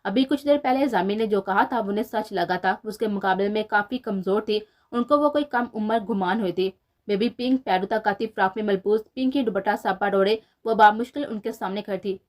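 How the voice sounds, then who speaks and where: Woman storyteller reading a novel aloud. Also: mid-range voice. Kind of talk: scripted narration of a romance novel.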